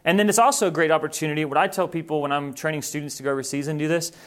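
A man's voice: on the high side, fairly even intonation, very fast. A man who grew up in Thailand, giving an earnest, informal training talk to missionaries and correcting himself as he goes.

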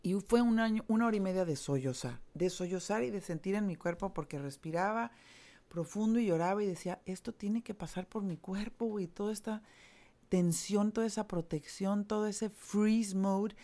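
A woman's voice: mid-range voice, normal speed, warm tone. A middle-aged woman with a Mexican accent telling a personal story in casual, slangy talk, swearing freely and speaking with open emotion.

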